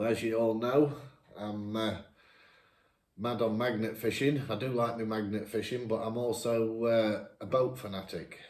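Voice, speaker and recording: A man in his fifties with a northern English accent, chatting casually as he answers viewer questions, each read out brighter. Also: on the low side, roomy sound. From England. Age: 50s. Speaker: vlogger. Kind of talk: casual Q&A chat.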